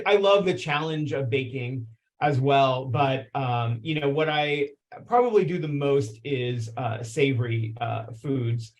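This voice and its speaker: A man in his forties from Texas, a chef, introducing himself in an earnest, halting way with many restarts. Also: medium pitch. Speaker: chef and food writer. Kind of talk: casual personal introduction.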